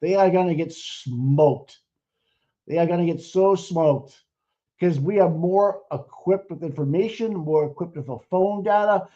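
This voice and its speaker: Excitable man, muffled stream audio. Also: fairly high pitch, a little slow. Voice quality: profane, excitable, rambling with restarts. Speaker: co-host. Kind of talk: casual chat.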